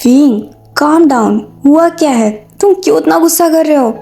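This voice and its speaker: A calm young father speaking gently and coaxingly in a fan-made audio story, as a woman reads him out. The tone is soft and mellow, pitched high, over faint music. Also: normal speed. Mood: calm soothing. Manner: calm, soothing, gently teasing. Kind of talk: fanfiction storytelling.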